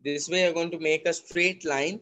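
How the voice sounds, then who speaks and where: A male art teacher with an Indian accent walks his online class through a pencil drawing, one careful step at a time. He speaks very slowly, going over each point twice and switching between English and Hindi. His voice sits a little high for a man. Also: steady tone, pushed and bright. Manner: slow, repetitive step-by-step explaining, mixing English and Hindi.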